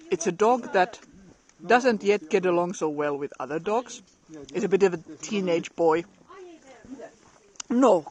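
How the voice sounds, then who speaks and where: A middle-aged woman with a lowish voice live-streams from a snowy forest outdoors. She chats casually with her viewers and laughs a lot.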